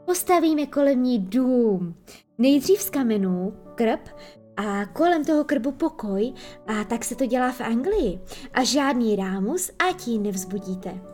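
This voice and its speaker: A woman playing a bossy boy leader, stern, solemn, commanding, higher voice. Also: lively intonation, darkish tone, faint music behind, natural voice.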